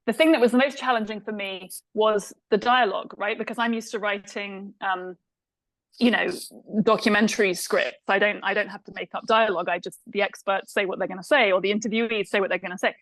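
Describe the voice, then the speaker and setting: A woman's voice: mid-range voice, fairly even intonation, a little fast, fairly bright tone, no echo, low-quality recording. A woman from England with an English accent, a film director answering interview questions thoughtfully, with many fillers and restarts.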